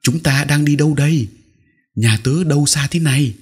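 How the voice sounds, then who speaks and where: Man putting on a frightened child, stammering, high and husky. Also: normal speed, soft background music. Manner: stammering, pleading. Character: frightened young schoolchild, stammering and tearful.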